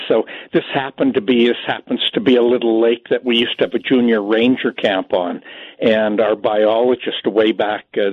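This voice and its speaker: An older man calls in to a radio show and chats easily, full of fillers and quick laughs. His voice is husky and comes through a muffled phone line with no room sound. He is a fishing editor talking about his trips. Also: lowish voice, no room sound. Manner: chatty, laughs easily, many fillers and restarts. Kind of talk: casual chat on a phone-in.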